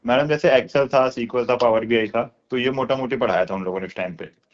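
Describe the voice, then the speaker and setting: On a dull, lo-fi phone call, a young adult man being interviewed as a course student explains things colloquially and fills his speech with filler words. His voice is medium-pitched and his pace fairly quick.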